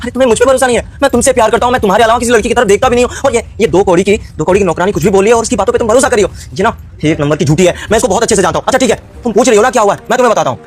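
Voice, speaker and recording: A man's voice: high-pitched, very fast, few pauses. A man playing a lecherous, lying husband who turns defensive and stammers when caught, in an acted family drama. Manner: smooth-talking then defensive and stammering.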